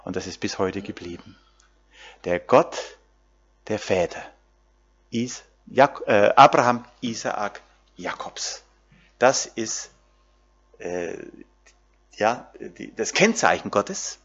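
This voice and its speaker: A man's voice: lowish voice, animated, slow, pauses often, fairly bright tone, breathy edge, muffled recording. A man preaching a sermon, addressing the congregation directly with frequent fillers and tag questions.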